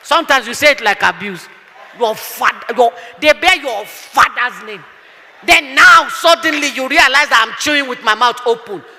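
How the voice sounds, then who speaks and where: A middle-aged woman pastor, preaching fervently with rhetorical questions and shouted bursts. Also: on the high side, normal speed, a faint crowd. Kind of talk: sermon. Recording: echoey hall.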